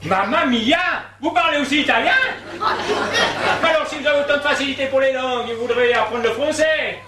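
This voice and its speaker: A rambling, half-deaf old husband, played by a man in a stage comedy, his voice pitched very high. He mishears and misunderstands everything. Heard from far off on an echoey stage, with noise behind. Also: brisk, a loud crowd. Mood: gleeful. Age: older. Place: theatre stage.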